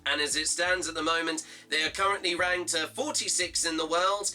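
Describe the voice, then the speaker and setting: The host of a fan football show, a man with a slightly hoarse voice, reads off results and a match preview from notes, hesitating and using lots of fillers. His pitch is a little high and his intonation fairly even, with a bright, forceful tone. Faint music plays behind him.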